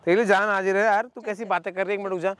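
A man running a staged prank on his girlfriend, who talks fast and keeps trying to calm things down and stall. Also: high voice. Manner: fast, placating, keeps saying "one minute". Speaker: prank vlogger. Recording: loud street noise behind.

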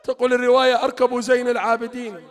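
A man preaching a mourning-season sermon, retelling religious narratives with impassioned delivery that rises into shouted exhortation. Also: very high-pitched, flat delivery, very fast, some chatter behind. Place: religious gathering hall.

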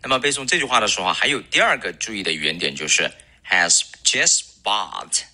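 Male English teacher, native Chinese speaker, deep bright voice, drills pronunciation with slow, drawn-out repetition. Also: expressive. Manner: explains slowly, models English words with drawn-out repetition. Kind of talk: recorded pronunciation lesson.

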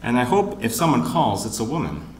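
A man moderating a panel at a conference, opening with wry, teasing jokes and pausing for laughs. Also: medium pitch, very animated, darkish tone, roomy sound, a little hiss or hum. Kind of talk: joking conference emcee remarks. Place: conference hall with live audience.

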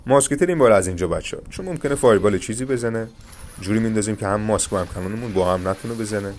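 Low-voiced man calmly narrating gameplay. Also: a little hiss or hum. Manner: calm, coaching, addresses viewers as "guys". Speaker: gaming YouTuber. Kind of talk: live gameplay commentary.

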